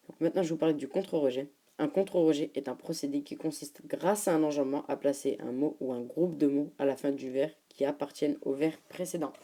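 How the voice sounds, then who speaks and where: A woman with a low, very mellow and dark voice presents a class talk. She reads from her notes and pauses often with fillers. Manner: hesitant, many filler pauses. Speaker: student presenter. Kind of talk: read-aloud class presentation.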